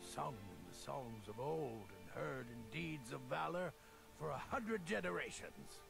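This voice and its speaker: A boastful gravelly clan elder. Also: male voice, medium pitch, lively intonation, unhurried, music in the background. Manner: grandiose, bragging. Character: proud boastful older male clan patriarch.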